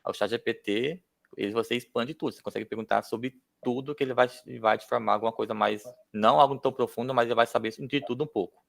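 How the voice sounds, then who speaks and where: A man's voice: medium pitch, steady tone, quick pace, gravelly. A Brazilian man explaining technology informally in a seminar discussion. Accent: Brazilian Portuguese. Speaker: speaker.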